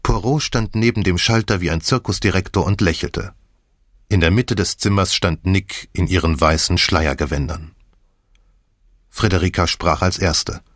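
A man narrating a crime novel in the first person with measured, even storytelling. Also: low-pitched, dry recording, clean studio sound. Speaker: audiobook narrator.

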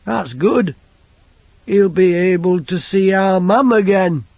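A man voicing a big, simple-minded young man who talks slowly and plaintively, like a lost child. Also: high voice, darkish tone, no room sound, voice pushed up, full character voice. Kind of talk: audiobook character voice. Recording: dull lo-fi recording.

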